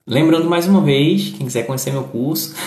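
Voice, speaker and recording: A man's voice: a little high, fairly quick, a little mellow. A man with a Brazilian accent teaching English phrases and pronunciation in a live online lesson, explaining patiently step by step. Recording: echoey room.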